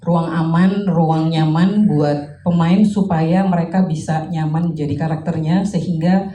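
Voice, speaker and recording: A woman's voice: deep voice, fairly even intonation, measured pace, warm tone. A woman film director answering at a press conference, thoughtful and full of fillers and restarts. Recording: roomy hall, distant mic, faint noise.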